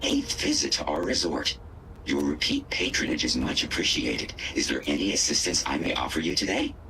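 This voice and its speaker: A man's voice: a bass voice, expressive, a little fast, bright, forceful tone, slight background noise, exaggerated voice. An actor playing a polite, overly apologetic male butler robot who serves guests at a resort, speaking in a formal, courteous manner. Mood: welcoming. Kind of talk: video game dialogue. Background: game music.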